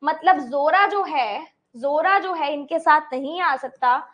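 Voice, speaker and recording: A woman's voice: high voice, slow, a bit bright. A woman teacher explaining a puzzle step by step, repeating items and checking in with her students. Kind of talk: online class explanation.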